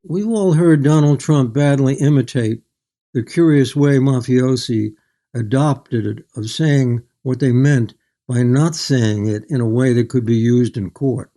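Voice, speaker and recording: An older man is being interviewed as an author about his writing, in a reflective literary conversation. His voice is mellow and soft-edged, at an average pitch. He speaks in a measured, articulate way, choosing each word with care.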